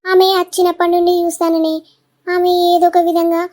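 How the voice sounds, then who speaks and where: A woman's voice: very high voice, completely flat delivery, fairly quick, a little mellow. A woman voicing an aggrieved younger sister in a cartoon, complaining and tattling in a Telangana accent. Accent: Telangana Telugu.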